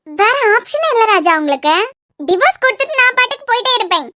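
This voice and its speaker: A woman voicing a very high-pitched pert young wife. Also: sing-song, pushed and bright, dry recording, full character voice. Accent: Kanyakumari Tamil. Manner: pert, quick to argue. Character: young wife, sharp-tongued and protective. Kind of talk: cartoon web series voice acting.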